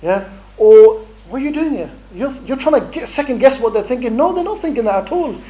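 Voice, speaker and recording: A middle-aged man leading a training workshop, animated and bantering, acting out street encounters as he talks. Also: very high-pitched, a little fast, rough recording. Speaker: dawah trainer. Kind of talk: energetic workshop talk.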